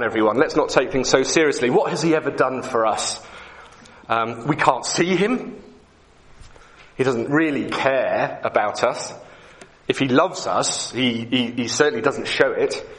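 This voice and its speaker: A man's voice: mid-range voice, normal speed, fairly bright tone, natural voice. A man playing a false teacher who talks in a casual, coaxing and dismissive way. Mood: breezy. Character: man, a smooth false teacher with breezy lies.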